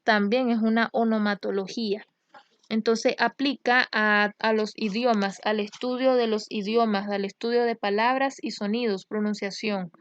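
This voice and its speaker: A young adult woman with a fairly high voice walks through word roots like a patient teacher, repeating each term and drawing out the key words. The sound is dry and close, with a slightly dull, lo-fi tone. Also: a little mellow, no echo. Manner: explains slowly, repeats terms, stretches key words. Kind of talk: casual spoken lesson.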